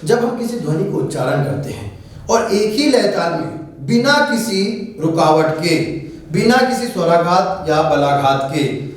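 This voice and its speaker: A man's voice: a little high, very animated, unhurried, distant mic. A man teaching Hindi grammar in a classroom style, asking questions and answering them himself. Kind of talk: classroom lesson explaining grammar. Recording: very echoey room, voice away from the mic.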